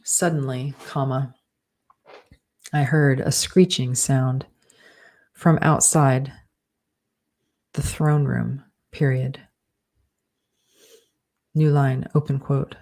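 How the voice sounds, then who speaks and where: Slow dictation with spoken punctuation. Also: medium pitch, fairly even intonation, gravelly, darkish tone. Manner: says punctuation aloud and corrects with "undo". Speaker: author dictating a novel.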